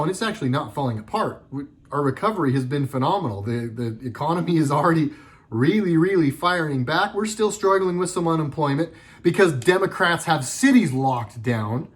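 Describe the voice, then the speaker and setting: A middle-aged man delivering a sarcastic, heated political commentary monologue with lots of emphasis. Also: fairly high pitch.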